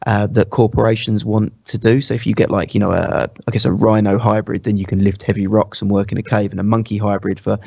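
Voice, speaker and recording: Co-host, man, low gravelly voice, dry dull stream audio, chatty and animated. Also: quick pace, few pauses, no room sound. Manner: animated, laughing, leading the discussion. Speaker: podcast co-host. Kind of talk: casual gaming chat.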